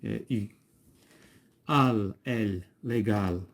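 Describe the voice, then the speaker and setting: A man's voice: fairly low pitch, slow, creaky. A man with a Moroccan Arabic accent teaching a French lesson in class, patiently repeating terms and prompting a pupil to finish words. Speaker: primary school French teacher.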